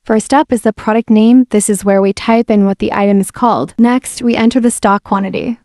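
Talking a little fast at a medium pitch, a woman gives a friendly, step-by-step voice-over of an app in a relaxed, casual tone. The clip is a screen-recorded software walkthrough by a demo presenter. Her voice-over mic delivers studio-quality sound with no echo.

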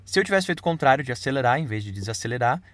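A man's voice: mid-range voice, lively intonation, racing, fairly bright tone, no room sound. A man explaining video editing step by step in a casual screen-recorded tutorial.

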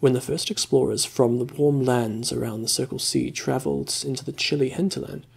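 A man reading a story aloud in a slow, calm, soothing ASMR voice, close to the mic. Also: mid-range voice, gravelly, breathy edge. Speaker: ASMR reader.

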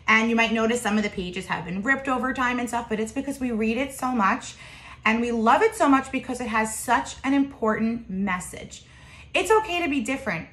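Reading a picture book aloud to young children, a woman in her thirties uses a fairly high, bright, forceful voice. She reads expressively and explains things simply along the way, and the roomy home kitchen where she sits makes the sound echo.

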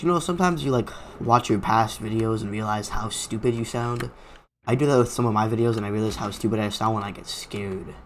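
A man's voice: fairly low pitch, brisk, slight background noise. A young man giving rambling let's-play commentary from a home gaming setup, yelping and gasping when startled. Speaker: gaming YouTuber.

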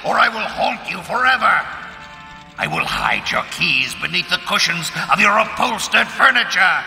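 A man voicing a bombastic, gleefully menacing demonic talking skull in a cartoon adventure game, with theatrical, grandiose, drawn-out delivery. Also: high voice, gravelly, pushed and bright, heavily acted. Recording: long cavernous reverb with music.

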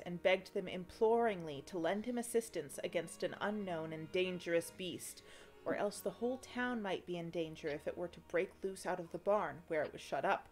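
A woman streamer reading an old fairy tale aloud with expressive, dramatic delivery and joking asides. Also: medium pitch.

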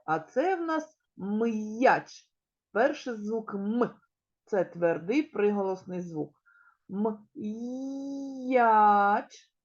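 A woman kindergarten teacher with a Ukrainian accent gives a slow, clearly articulated literacy lesson, stretching out key words and asking the children questions. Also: mid-range voice, animated, a little mellow, muffled recording. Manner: addresses children directly and asks them questions. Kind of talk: recorded preschool literacy lesson.

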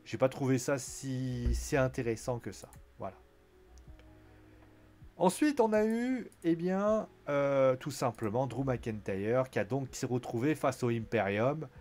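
A man's voice: mid-range voice, expressive, measured pace, a little mellow. A man giving a casual, chatty recap of a wrestling show, full of fillers and acted-out quotes. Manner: chatty, lots of fillers, acts out quotes in a raised voice.

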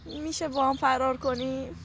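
A woman's voice: high voice, fairly even intonation, a bit bright, slight background noise. A woman acting distressed and pleading in a hidden camera prank outdoors. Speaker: prank actress.

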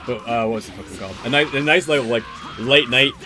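Fast-talking casual male streamer. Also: medium pitch, music in the background. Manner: loose, rambling, swears freely. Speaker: tournament organizer and stream commentator. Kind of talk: casual gaming stream commentary.

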